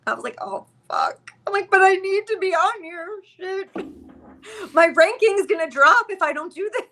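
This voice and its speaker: A woman's voice: very high-pitched, expressive, normal speed, pushed and bright, slight background noise. A woman in her late thirties, a podcast guest, chatting casually and laughing often. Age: late 30s. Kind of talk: casual chat.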